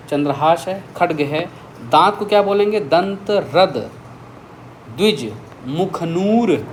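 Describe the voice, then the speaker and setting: A man teaching a vocabulary lesson, reeling off lists of words with quick asides to his students. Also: a little high, a little hiss or hum. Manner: lively, reels off word lists with quick asides. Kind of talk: exam-prep vocabulary lesson.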